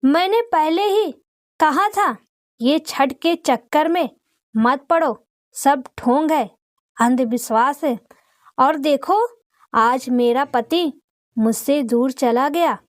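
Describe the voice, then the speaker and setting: A woman's voice: high-pitched, slow, no echo, studio quality. A woman reading as a scornful young wife. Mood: wailing. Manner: dismissive and defiant. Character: proud young daughter-in-law, a scornful modern wife.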